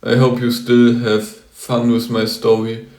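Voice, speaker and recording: Slow, flat-voiced man in an echoey room. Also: mid-range voice. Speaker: channel host introducing his story. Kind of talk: casual intro.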